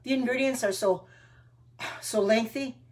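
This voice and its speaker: An older woman livestreams herself baking, her voice on the high side, unhurried and darkish in tone. She chats casually, greets viewers by name, and drifts between topics, full of ums, restarts, and homespun sayings.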